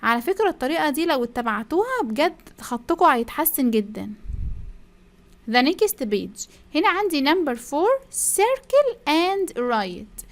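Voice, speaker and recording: A woman's voice: high-pitched, sing-song, measured pace. A woman with an Egyptian Arabic accent, teaching a first-grade English lesson, stretching out English phrases and drilling pupils to repeat after her. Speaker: primary school English teacher.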